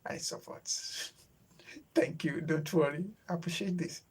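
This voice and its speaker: Hosting a casual livestream chat, this young Yoruba-speaking Nigerian man talks to viewers in Nigerian-accented English, often groping for words amid many fillers. His voice sits on the high side, with a steady tone, moderate pace, and a breathy edge.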